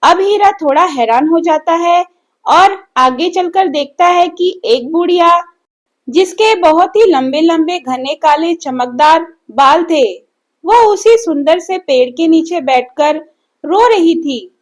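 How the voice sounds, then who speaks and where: A woman telling a bedtime story with a gentle storytelling lilt. Her voice sits very high, and she takes her time, reading at a slow, even pace.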